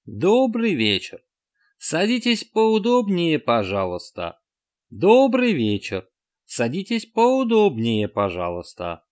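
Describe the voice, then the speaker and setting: A wrecked robot salesman booms out greetings in a high, metallic voice, and its phrases stick and repeat like a skipping record, as a male narrator puts it on. The words come slowly and stretched, swinging widely in pitch. It is read as an audiobook figure. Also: wildly swooping pitch, darkish tone, exaggerated voice. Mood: glitching. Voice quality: booming metallic voice.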